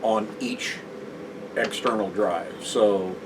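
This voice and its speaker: Man, relaxed RV vlog co-host, explains at length, distant camera mic with steady background hum. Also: lowish voice, slow. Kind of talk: casual chat. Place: inside an RV.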